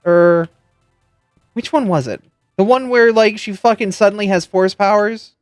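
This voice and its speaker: A man's voice: high voice, no room sound, soft background music. Man streaming games, dry close sound. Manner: swears freely, quick restarts. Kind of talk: casual gameplay chat.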